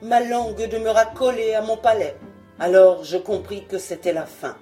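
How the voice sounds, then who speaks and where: A woman narrating a novel in an expressive, dramatic audiobook reading. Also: mid-range voice, moderate pace, faint music behind. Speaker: audiobook reader. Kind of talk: scripted narration.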